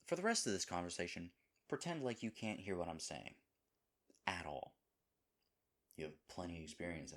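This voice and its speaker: With a low voice, a man acts out a sweet, flustered boyfriend who is self-deprecating, in an intimate roleplay audio. He rambles hesitantly and keeps correcting himself, sounding awkward and pleading.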